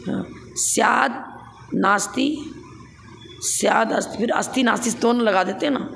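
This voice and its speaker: A woman gives a scripture lecture in a fairly high, gravelly voice. She works through the text point by point and puts questions back to her listeners. A faint murmur of ambience sits behind her. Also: a little slow, fairly bright tone, a little hiss or hum. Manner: explains step by step, with rhetorical questions. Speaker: scripture teacher.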